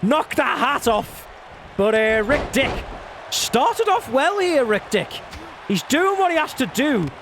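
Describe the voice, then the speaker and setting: A man doing play-by-play as an excitable wrestling commentator on a video game match, prone to shouting at big moves. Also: extremely high pitch, slow, background noise.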